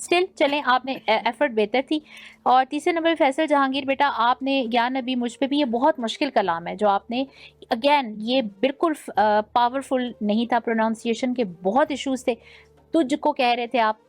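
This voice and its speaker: A woman's voice: high-pitched, no room sound. A woman judging a naat recitation contest, giving direct critiques and sprinkling English words into her Urdu. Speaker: naat competition judge. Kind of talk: judging feedback.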